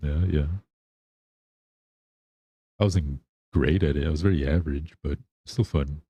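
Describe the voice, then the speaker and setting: A man's voice: extremely low pitch, measured pace, mellow, slightly rough, no echo, lo-fi sound. A man chatting casually on a livestream as the streamer, in a laid-back, rambling way. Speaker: live streamer.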